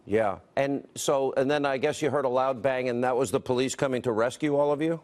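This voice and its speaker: Halting middle-aged male news host. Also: mid-range voice, darkish tone. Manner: halting, sympathetic questioning. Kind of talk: broadcast interview.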